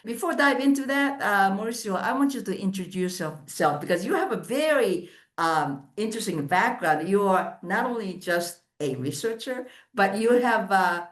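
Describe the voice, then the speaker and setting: A woman's voice: medium pitch, expressive, normal speed, few pauses. Woman host in an echoey room. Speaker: host, editor-in-chief. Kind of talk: interview hosting.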